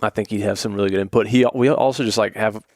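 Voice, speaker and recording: Low-voiced joking man, dry sound. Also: racing, dry recording. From Atlanta, USA. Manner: joking, animated banter. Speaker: podcast co-host. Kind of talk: casual chat.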